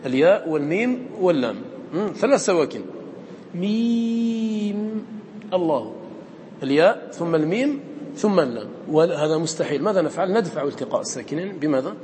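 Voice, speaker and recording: A male teacher leads a classroom lesson in a rapid, dark-toned voice that sits somewhat high. He questions his students and slows right down to draw out each quoted line. Faint room noise hangs behind him. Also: expressive, big-room sound. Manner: quizzes students, slowly drawing out quoted verse.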